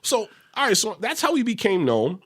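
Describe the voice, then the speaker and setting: A man swapping stories on a casual talk show. His voice is on the higher side and swings widely in pitch. He curses freely and tells his tales loosely. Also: huge pitch swings, normal speed, a bit bright. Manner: loose, profane storytelling with laughs. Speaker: podcast co-host. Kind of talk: casual chat.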